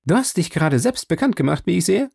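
A man voicing a watchful gentleman who speaks in a casual, indifferent tone. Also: high-pitched, big pitch swings, quick pace, vocal fry, breathy edge, no room sound, clean studio sound, pitched above the performer's own voice, exaggerated voice. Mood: offhand. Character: offhand man, sly and watchful.

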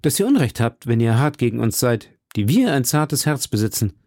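A man voicing an impetuous young swordsman in an audiobook, speaking urgently and a little higher than his narration. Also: very animated, moderate pace, a little mellow, no echo, studio quality. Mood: earnest. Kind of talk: audiobook character voice.

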